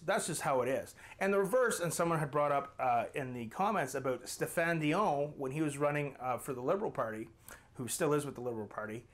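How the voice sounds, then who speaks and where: Emphatic male vlogger, fairly high voice. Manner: emphatic, argumentative, with rhetorical questions. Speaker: channel host. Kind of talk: opinion vlog to camera.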